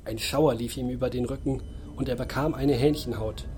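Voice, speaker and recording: Male audiobook narrator, lively storytelling, relaxed dark tone. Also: mid-range voice, moderate pace, a little hiss or hum. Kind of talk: audiobook reading.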